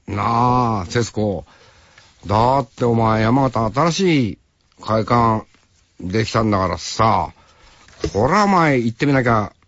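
Slow-talking man in his sixties, radio host. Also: mid-range voice, expressive, fairly bright tone, no room sound, highs cut off. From Hokkaido, Japan. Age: 60s. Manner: rambling, folksy, talks straight to the listener. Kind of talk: casual radio monologue.

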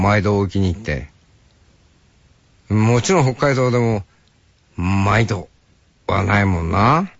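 An older man with a Hokkaido accent hosts a radio show, drawling slowly through a relaxed, musing monologue. He chats half to himself and drops playful imitations of greetings. The sound is dull and lo-fi, close and dry, like an old broadcast. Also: lowish voice, dry recording. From Hokkaido, Japan. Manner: slow, musing, talks to himself and mimics greetings. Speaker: radio host.

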